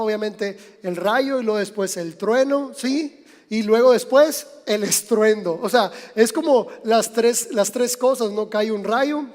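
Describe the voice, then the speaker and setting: A man's voice: very high-pitched, darkish tone. A man with a Mexican accent preaching a sermon as pastor, in a conversational way that speaks straight to the listeners. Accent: Mexican Spanish. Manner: conversational, addresses listeners directly. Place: church sanctuary. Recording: long church reverb.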